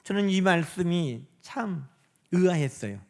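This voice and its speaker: Male pastor, high voice, sermon delivery full of rhetorical questions and quoted lines. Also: expressive, unhurried. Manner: asks the congregation questions and answers them himself; acts out quoted speech in a softer voice. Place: church sanctuary.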